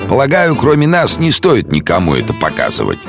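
A man's voice: fairly low pitch, huge pitch swings, brisk, music in the background, voice pushed up. A man voicing a polite, composed Victorian detective in an audiobook. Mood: courteous. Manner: courteous, formal.

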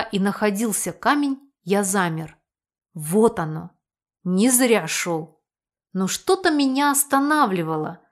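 Woman narrating a fantasy audiobook. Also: on the high side.

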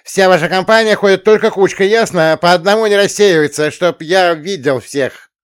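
A man's voice: high voice, normal speed, smooth, voice pushed up, natural voice. A man voicing a pompous, jittery male camp counselor who barks orders and loses his words. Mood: commanding. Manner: shouty, pompous, flustered.

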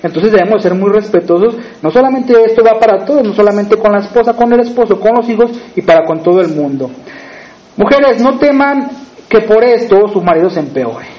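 A man's voice: high voice, lively intonation, a little fast, highs cut off. A man with a Mexican accent preaching a sermon in a conversational way, often asking the congregation questions. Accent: Mexican Spanish.

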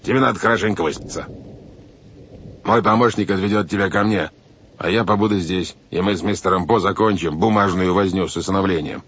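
A man's voice: low-pitched, fairly quick, fairly bright tone, a little hiss or hum. A man reading an audiobook, voicing a scheming sea captain who talks in a falsely soothing, bossy way. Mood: fake soothing. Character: shifty scheming sea captain, villain in disguise. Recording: dull lo-fi audiobook recording.

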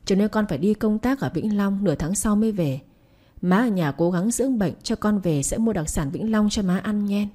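A woman's voice: medium pitch, moderate pace, dark tone, natural voice. A woman voicing a young adult son who speaks earnestly and protectively of his mother. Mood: gentle. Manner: earnest, reproachful.

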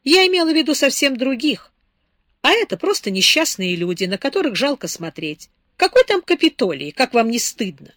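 A woman's voice: fairly high pitch, animated, normal speed, a bit bright, no room sound, studio quality, pitched above the performer's own voice. A woman voicing a proud, fiery young aristocrat. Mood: indignant. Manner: indignant, emotional.

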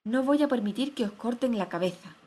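A woman's voice: on the high side, a little fast, darkish tone, voice pushed up, natural voice. Woman narrator doing a well-mannered girl who stands her ground, voice lifted a little. Storybook audio. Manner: polite, firm when challenged. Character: polite but bold young girl. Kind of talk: storybook reading.

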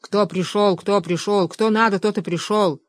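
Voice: medium pitch, fairly even intonation, moderate pace, no room sound, natural voice. An audiobook reader voicing a bossy older man who blusters and gives orders, close to the reader's own voice. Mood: blustering. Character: bossy older man, rebel father-in-law.

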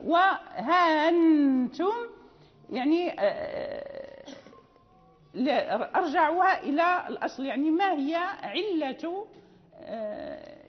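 High-voiced woman teaching in an echoey hall. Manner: explanatory, with frequent fillers and restarts. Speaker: teacher of Quran recitation. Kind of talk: classroom lecture. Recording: dull lo-fi audio with long reverb.

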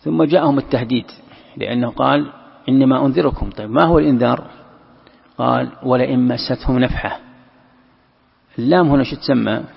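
A man teaching a Quran commentary lesson, explaining step by step, repeating key phrases and slowing down to recite verses. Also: mid-range voice, vocal fry, breathy edge. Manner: explains step by step, repeats key phrases, asks and answers his own questions. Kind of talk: classroom commentary on a classical text. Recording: lo-fi recording in a long-reverb hall.

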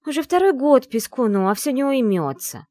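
Woman reader as a sneering spoiled mistress, high and loud, storybook, dry. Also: very animated, moderate pace, dry recording. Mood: scornful. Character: spoiled, scornful young brunette mistress.

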